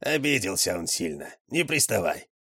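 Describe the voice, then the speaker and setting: A man's voice: sits low, sing-song, moderate pace, pushed and bright, breathy edge, no room sound, clean studio sound, exaggerated voice. A man doing an unflappable slangy leader. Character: cool-headed man, gruff slangy leader.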